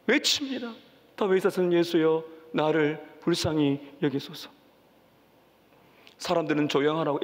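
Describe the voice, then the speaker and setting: A male pastor preaching a sermon with passion, rising to loud cries as he voices the pleas, recorded in a church sanctuary. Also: sits high. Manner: impassioned, rising to cries when voicing pleas. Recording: church hall reverb.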